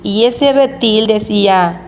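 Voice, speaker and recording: Woman preacher, unhurried testimony of a vision, long hall reverb, faint hiss. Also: medium pitch. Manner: slow, repetitive storytelling with recurring phrases. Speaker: preacher recounting a revelation. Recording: echoey hall with faint background noise.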